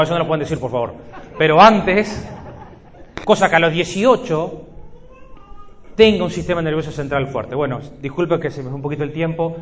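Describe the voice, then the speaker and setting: Man in his fifties, lively speaker. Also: a little high. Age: 50s. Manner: lively storytelling, acting out dialogues. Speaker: psychologist. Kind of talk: talk to an audience of parents.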